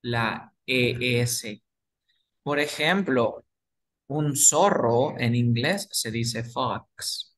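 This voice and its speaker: Spanish-speaking man as a patient English tutor, unhurried, repeats words and quizzes the listener. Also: medium pitch, fairly bright tone. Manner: repeats words slowly, asks and answers his own questions. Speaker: English teacher. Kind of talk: explaining grammar to beginners.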